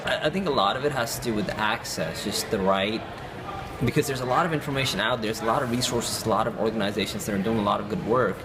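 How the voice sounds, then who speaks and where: A man from California explaining his view in a relaxed way. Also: fairly low pitch, fast, background noise. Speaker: conference delegate. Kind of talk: interview answers. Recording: background music.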